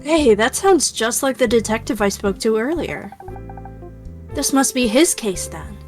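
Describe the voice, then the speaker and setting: A woman's voice: a little high, lively intonation, a little slow, faint music behind. Playful woman reading game text aloud. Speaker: streamer playing a game with a co-host. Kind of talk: casual let's-play chat and reading game text.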